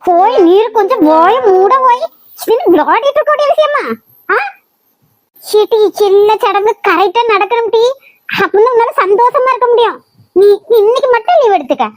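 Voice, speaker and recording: Brief: a woman plays a melodramatic Kanyakumari mom in a cartoon, very high, scolding. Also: expressive, normal speed, no room sound. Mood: lecturing. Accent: Kanyakumari Tamil. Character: fussy middle-aged mother, nagging. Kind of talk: cartoon voice acting.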